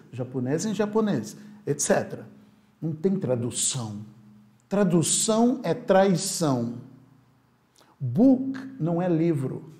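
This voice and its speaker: A man teaching an online English lesson, lively and demonstrative, repeating sounds for the learner. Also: fairly high pitch.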